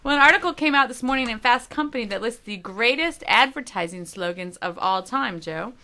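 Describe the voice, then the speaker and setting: A woman hosting a morning radio show with a bright, ringing voice that sits a touch high. She chats casually, teasing callers and co-hosts and laughing often. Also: lively intonation, brisk.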